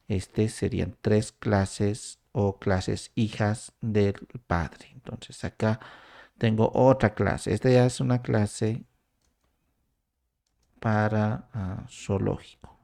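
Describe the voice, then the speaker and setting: A man teaching programming in a coding tutorial, thinking aloud as he types and pausing on drawn-out fillers. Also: fairly low pitch, vocal fry, mellow. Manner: thinks aloud while typing code, with drawn-out "ah" pauses. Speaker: programming instructor. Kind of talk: screen-recorded coding tutorial.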